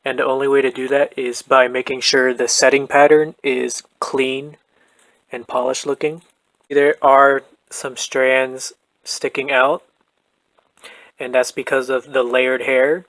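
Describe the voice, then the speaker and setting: A man calmly talking through a hair-setting tutorial in a voice-over, soft-spoken and methodical. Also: mid-range voice, a little slow, no room sound, poor audio. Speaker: doll hair tutorial host. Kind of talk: calm instructional voice-over.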